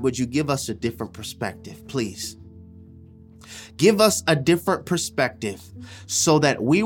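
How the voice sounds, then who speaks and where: With music playing beneath him, a mid-pitched preacher delivers a fervent sermon full of emphasis and repetition. He alternates forceful exhortation with quiet, deliberate passages.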